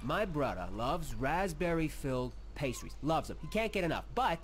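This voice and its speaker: An actor voicing a chatty young islander in a video game, a mischievous prankster who rambles and stammers gleefully. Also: male voice, a little high, big pitch swings, unhurried, slight background noise. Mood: playful. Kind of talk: game voice acting.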